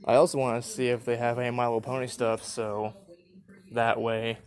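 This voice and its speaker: A man's voice: mid-range voice, normal speed. Chatty young man rambling through a shop. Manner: rambling, chatty, laughs often, excited bursts at finds. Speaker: vlogger. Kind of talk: casual handheld shop walkthrough vlog. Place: large indoor antique mall with glass cases. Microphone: phone camera held while walking.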